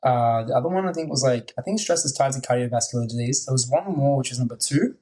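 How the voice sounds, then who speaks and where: A male podcast host with a mellow, dark-toned voice and a mid-range pitch. He talks with keen enthusiasm in a loose, casual way and leans heavily on "like" as a filler. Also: fast, poor audio.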